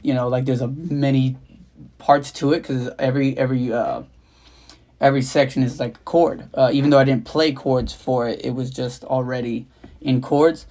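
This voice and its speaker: His voice is medium in pitch, dark and steady, at a normal speed. The young man, a rapper and beatmaker, rambles through a casual livestream from his home studio, laughing at himself and tossing out offhand swears.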